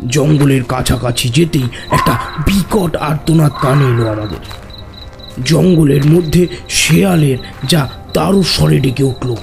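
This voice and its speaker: A grave tantric storyteller, played by a man speaks slowly in a gravelly, measured voice. His tale comes from an audio horror drama. Loud music and chirping crickets sit behind it. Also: fairly high pitch. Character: gruff older male tantric storyteller.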